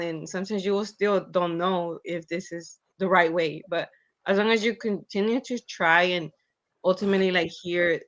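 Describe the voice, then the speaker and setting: A woman who leads students, answering in a reflective, hesitant way with many fillers, heard over a muffled video call. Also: lowish voice. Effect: muffled, lo-fi video call line from a distance. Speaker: student leader. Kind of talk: video call panel discussion. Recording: dull lo-fi remote call audio.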